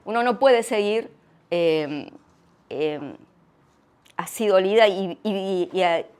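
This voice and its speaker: A middle-aged woman with an Argentine accent, sharing a personal testimony at church in an earnest, reflective way, pausing and restarting often. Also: medium pitch, animated, darkish tone, smooth. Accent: Argentine Spanish. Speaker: guest speaker sharing testimony.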